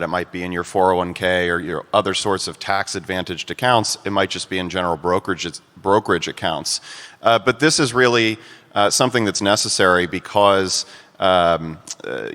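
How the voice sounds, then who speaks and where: Bright, deep-voiced man moderating. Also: big-room sound. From United States. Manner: hesitant, many filler sounds. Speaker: panel moderator. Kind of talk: moderating a conference panel. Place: conference hall.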